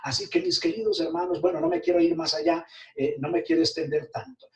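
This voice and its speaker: A man preaching a sermon as pastor, stretching his words and swinging his pitch. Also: sing-song, quick pace, a little mellow. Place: church hall. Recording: echoey church from far off.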